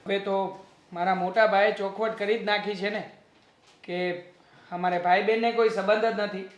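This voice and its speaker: A man's voice: high-pitched, little pitch movement, normal speed, lightly acted. A man playing an indignant, hurt young man. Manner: confrontational, indignant. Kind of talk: family drama acting. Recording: roomy echo.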